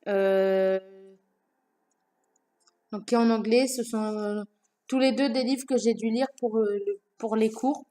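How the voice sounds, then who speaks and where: A young female book vlogger, her voice a little high, steady and dark, speaks slowly and pauses often. She's chatting casually to camera about her books at home, with plenty of fillers and restarts.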